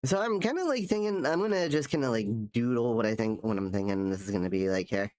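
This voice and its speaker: This streamer and artist draws on a live stream, speaking with a medium-pitched, smooth, darkish voice that is animated and quick. His talk is casual and wandering, full of restarted sentences, with a nasal quality from a cold.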